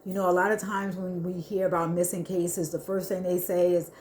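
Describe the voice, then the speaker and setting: A woman giving an earnest spiritual reading to her viewers, talking haltingly with many restarts. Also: lowish voice, little pitch movement, darkish tone, a little hiss or hum. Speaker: spiritual reader. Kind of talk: intuitive spiritual reading to camera.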